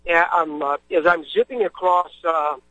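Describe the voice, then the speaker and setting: A man calling in over a clipped phone line, his bright, somewhat high voice coming through dull and dry. He rambles in a friendly, casual way and leans on fillers as he talks from a moving vehicle. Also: moderate pace, no room sound. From Missouri, US. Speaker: caller. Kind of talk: casual call-in chat.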